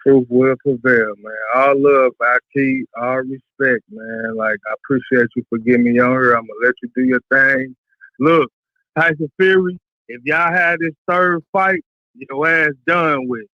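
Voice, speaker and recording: A man's voice: medium pitch, measured pace, no echo. A man calling in, chatting casually in a slangy, brotherly and affirming way. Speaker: caller. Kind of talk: casual chat. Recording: dull lo-fi call audio.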